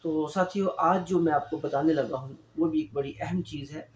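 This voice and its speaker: A man teaching an online Quran reading lesson, with a voice pitched a little high for a man. He explains patiently and drills each syllable slowly, over and over. The room adds a noticeable echo. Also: steady tone, a little hiss or hum. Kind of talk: online lesson, slow drilled letter sounds.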